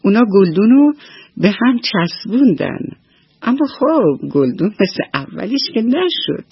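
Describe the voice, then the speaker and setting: A woman's voice: medium pitch, sing-song, slightly rough, dry recording. A woman storyteller narrating a radio bedtime story for children, talking to them directly and expressively, from a slightly dull radio recording.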